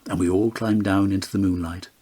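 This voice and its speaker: A man's voice: low voice, fairly even intonation, brisk, dark tone. A man narrating an audiobook in a lyrical, storytelling way.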